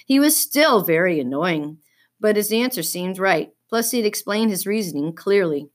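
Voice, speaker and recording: A woman with a mid-range voice reads a children's book aloud at a moderate pace, performing it as an expressive storyteller.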